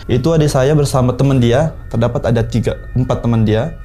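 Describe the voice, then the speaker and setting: A man in his twenties from South Sulawesi, telling a horror story in a relaxed, unhurried way with many pauses. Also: mid-range voice, soft background music. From South Sulawesi, Indonesia. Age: 20s. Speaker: guest storyteller.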